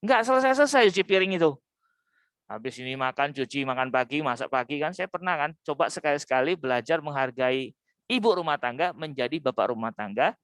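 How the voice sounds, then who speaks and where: Lively man preaching, dry sound. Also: mid-range voice, a little fast, no room sound. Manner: lively, humorous, folksy asides. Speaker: Buddhist Dhamma speaker. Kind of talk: sermon.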